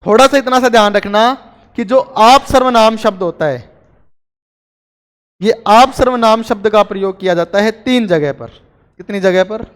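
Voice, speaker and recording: High-voiced man teaching in a reverberant hall. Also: moderate pace, fairly bright tone, clear, resonant tone. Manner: chatty, joking asides to students. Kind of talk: classroom grammar lecture.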